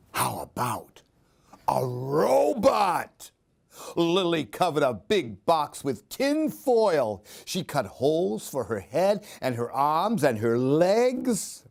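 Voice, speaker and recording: He reads very slowly, his fairly high voice gravelly and a little mellow, with pitch that swings enormously. As a storyteller for a library program, he performs a children's picture book expressively and sing-song, putting questions to the kids.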